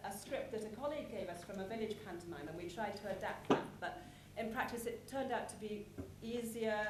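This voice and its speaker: At a plenary session, a female conference presenter talks through explanations in a mid-pitched voice, pausing deliberately. The large hall with its audience makes the recording echoey, with clear background noise.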